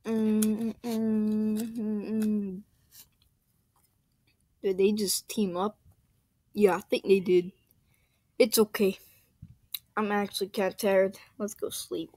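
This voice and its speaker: A woman playing out a toy battle aloud, excitable, with sudden yelps and mumbled asides, coughing now and then. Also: medium pitch, slow pace, pauses often, dry recording.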